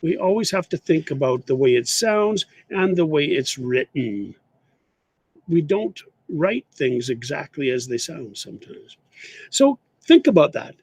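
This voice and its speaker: A man with a Canadian English accent teaching an English lesson, slowly and deliberately, repeating his example phrases. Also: fairly high pitch, very animated, a little mellow, husky, no room sound. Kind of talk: explaining English usage in an online lesson.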